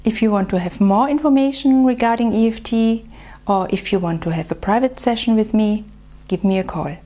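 A woman leading a guided tapping session, speaking slow, soothing phrases for the listener to repeat. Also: on the high side, warm tone, slight background noise. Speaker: EFT practitioner.

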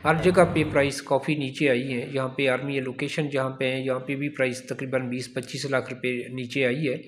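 A man, a real estate agent narrating a site tour from a moving car in a steady promotional tone. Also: medium pitch, brisk, slight background noise. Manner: steady promotional commentary, lists sectors.

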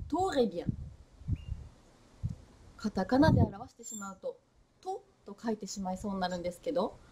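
A woman giving a short French pronunciation lesson, modelling sounds slowly and repeating them with lively emphasis. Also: on the high side, a little hiss or hum. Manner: lively, drawn-out pronunciation demos. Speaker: French teacher.

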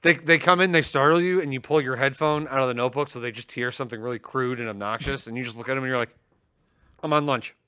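A man's voice: medium pitch, very fast, hardly any pauses, clear, resonant tone, no room sound, studio quality. A man co-hosting a tech stream in casual banter, teasing and laughing often as he tells jokes. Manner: laughs often, teasing, animated joke-telling.

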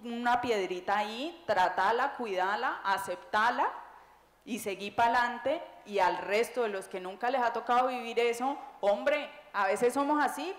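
A woman, an author speaking on a public panel in a lively, joking, conversational way. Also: a little high. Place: large echoey library hall. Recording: echoey hall with long reverb.

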